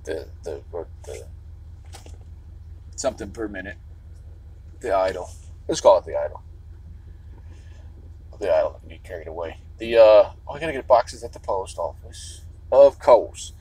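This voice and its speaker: Rambling husky man in a vehicle. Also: sits low, expressive, unhurried, long pauses, warm tone, poor audio. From Chicago area. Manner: meandering, restarts, swears often. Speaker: livestreamer. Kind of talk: rambling livestream monologue.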